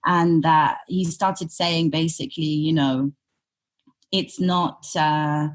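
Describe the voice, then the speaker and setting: A woman's voice: low voice, fairly even intonation, slow pace. A woman in her thirties from Sudan, raised in Britain, speaking as a podcast guest. She tells her stories in a reflective, thoughtful way, with frequent fillers. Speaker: podcast guest, humanitarian consultant. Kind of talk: conversational interview storytelling.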